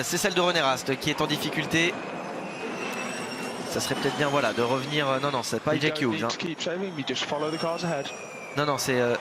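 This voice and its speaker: Male motorsport commentator, fairly high voice, reactive live race calls with repeated phrases, over very loud car noise. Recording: loud engine and trackside noise behind.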